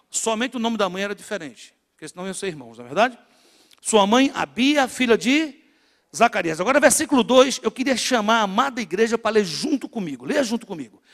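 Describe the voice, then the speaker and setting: High-voiced Northeastern Brazilian preacher, middle-aged. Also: male voice, fairly bright tone. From Natal, northeastern Brazil. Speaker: pastor. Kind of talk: sermon to a congregation. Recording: long hall reverb in a church.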